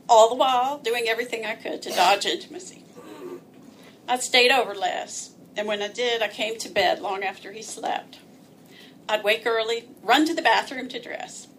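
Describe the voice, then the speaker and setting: A woman's voice: on the high side, fairly bright tone, slight background noise. A woman telling a personal story aloud in a wry, self-mocking way, often laughing as she speaks.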